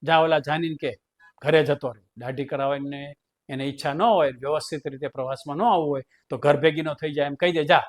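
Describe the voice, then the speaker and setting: Man doing a strict school trustee who scolds, a bit high-pitched. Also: steady tone, fairly quick, natural voice. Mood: stern. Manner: stern, scolding. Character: stern male school trustee, strict about discipline.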